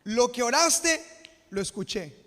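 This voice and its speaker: A solemn male angel of God delivers his message loudly, as a Mexican pastor acts him out. The voice is high and carries a long church-hall echo. It sounds like a heavenly messenger proclaiming. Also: animated, a little slow, heavily acted. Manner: loud, proclaiming.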